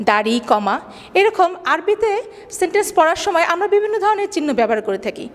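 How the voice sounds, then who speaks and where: Female teacher, high voice, slow careful English, quizzes the class, reverberant room. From Bangladesh. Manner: explains in English then repeats in Bengali, asks questions and answers them; slow, deliberate English, faster Bengali. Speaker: school teacher. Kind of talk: classroom lesson. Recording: long hall reverb.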